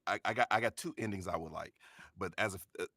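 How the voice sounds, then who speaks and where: A man's voice: deep voice, fast, bright, forceful tone, breathy edge, no room sound, studio quality. A young adult man chatting casually after a show, hesitant with many restarts and laughs.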